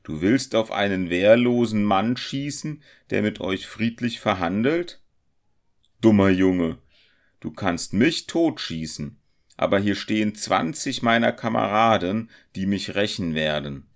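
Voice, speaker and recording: A man reading aloud, voicing a robber leader who bargains with loud threats. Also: lowish voice, gravelly, pitched above the performer's own voice. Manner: forceful, threatening.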